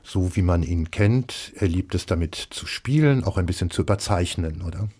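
Deep-voiced man hosting a radio talk. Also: lively intonation, moderate pace, darkish tone, breathy edge. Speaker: radio host. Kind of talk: radio interview.

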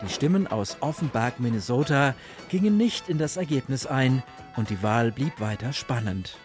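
A man reading a humorous Wild West story for radio, playful and lively, giving characters their own voices. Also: medium pitch, moderate pace, faint music behind. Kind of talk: scripted storytelling narration. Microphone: studio microphone.

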